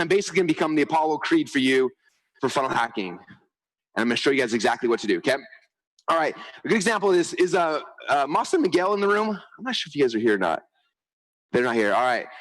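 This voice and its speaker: A man's voice: high-pitched, rough recording. A man giving a live marketing talk at a conference, telling stories energetically, acting out quotes and often checking in with "okay?". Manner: energetic, animated storytelling, acts out quotes; repeats "okay?" to check with the audience. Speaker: conference speaker. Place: conference hall.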